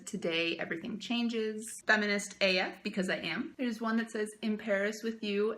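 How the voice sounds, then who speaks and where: A woman's voice: mid-range voice, fairly bright tone. A young American woman hosting a casual book unboxing vlog, gushing and emotional, chatting with lots of likes and you knows. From United States. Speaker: book vlogger.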